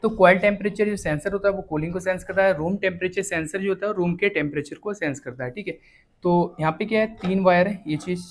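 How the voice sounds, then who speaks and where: A man teaching a step-by-step repair, explaining each check plainly and often pausing to confirm with the viewer. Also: high-pitched, a little hiss or hum. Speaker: repair instructor. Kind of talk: hands-on repair tutorial.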